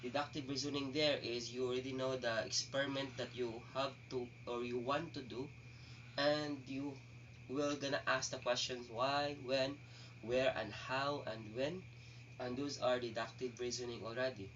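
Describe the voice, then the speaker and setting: A man's voice: mid-range voice, steady tone, moderate pace, a bit bright. A man with a Filipino accent giving a classroom lecture, switching between languages and often restarting his phrases. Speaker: teacher. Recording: distant muffled mic with faint noise.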